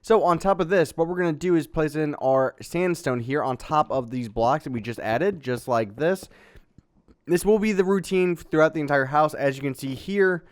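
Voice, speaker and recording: Clear-voiced man hosting a building tutorial. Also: fairly high pitch, moderate pace. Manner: relaxed, chatty, with fillers and little sound effects. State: has the hiccups. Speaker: Minecraft building tutorial host. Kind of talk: casual step-by-step tutorial narration.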